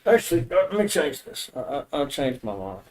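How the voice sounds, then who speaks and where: A man narrating a tabletop game as game master, improvising haltingly and correcting himself as he goes. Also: fairly high pitch, big pitch swings, darkish tone.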